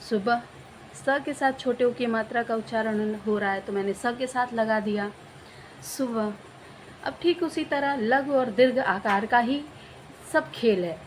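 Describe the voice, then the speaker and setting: A woman with a fairly high voice explains how Hindi vowel signs are written. She draws out each sound slowly and repeats sample words the way a teacher does for children. A faint hum runs under the recording. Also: poor audio. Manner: slow, drawn-out demonstration of sounds, repeating example words.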